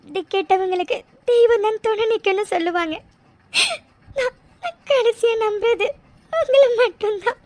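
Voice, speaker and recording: Brief: sobbing guilty young daughter in a cartoon, voiced by a woman, squeaky-high and tearful, dry booth. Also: a little mellow, no room sound. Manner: sobbing, pleading. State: crying. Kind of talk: cartoon voice acting.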